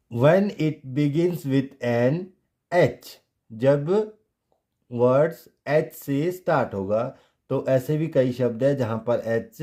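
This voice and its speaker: A man's voice: medium pitch, dark tone. A man teaching pronunciation step by step. He spells words out letter by letter and asks questions that he then answers himself. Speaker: English teacher.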